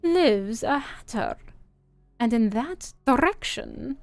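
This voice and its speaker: A woman voicing a grinning, slyly mad storybook cat with a slow, drawn-out, teasing and unbothered delivery. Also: fairly high pitch, lively intonation, darkish tone, no room sound. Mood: languid, knowing.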